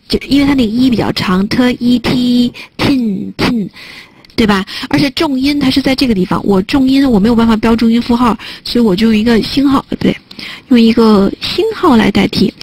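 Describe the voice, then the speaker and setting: A woman's voice: a little high, a little mellow, slightly rough, low-quality recording. A woman teaching a test prep listening class online, chatting and joking as she types notes on a whiteboard. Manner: chatty, joking aside while typing on a whiteboard.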